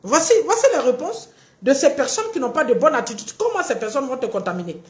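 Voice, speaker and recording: Woman, relationship coach, live-stream talk, acts out both sides, lively swooping pitch, roomy echo. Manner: animated, acts out both partners in quick little dialogues.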